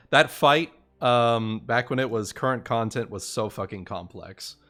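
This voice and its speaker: A man who hosts a tabletop game livestream banters in casual gamer style, joking around and often quoting things dramatically. His voice is medium-pitched, slow, and fairly bright, with background music running behind it.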